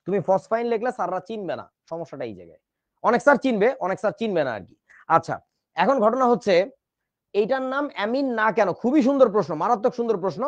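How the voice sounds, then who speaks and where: A man's voice: sits high, dry recording. Joking male chemistry teacher. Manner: jokey, spells out words letter by letter. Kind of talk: classroom lecture. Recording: dull, dry recording.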